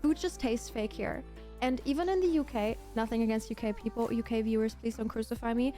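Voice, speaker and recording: Chatting casually with her live viewers, a Berlin-raised German woman whose first language is German speaks a little fast in a somewhat high, very mellow and soft voice. She gushes and stresses her points, frequently saying things twice, while faint music plays behind her.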